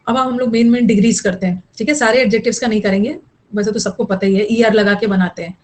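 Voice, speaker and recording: A woman's voice: medium pitch, steady tone, quick pace, darkish tone, low-quality recording. A young woman teaching an online English grammar class, mixing explanation with chatty scolding asides to her students.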